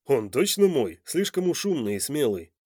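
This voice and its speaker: A man's voice: medium pitch, sing-song, moderate pace, mellow, slightly rough, no room sound, clean studio sound. A man voicing a tough young enforcer who talks in a firm, resolute way. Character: tough, steady young male enforcer and father.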